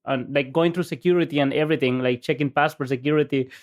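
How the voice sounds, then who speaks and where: A man from El Salvador, a podcast guest, chatting in a relaxed way with frequent fillers and easy laughs. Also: fairly high pitch, quick pace. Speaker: podcast guest, innovation agency CEO. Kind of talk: casual interview chat.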